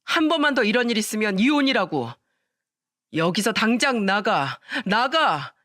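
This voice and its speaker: A woman voicing a hot-tempered middle-aged son who shouts accusations and then apologizes tearfully. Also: mid-range voice, big pitch swings, measured pace, dry recording, clean studio sound. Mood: furious.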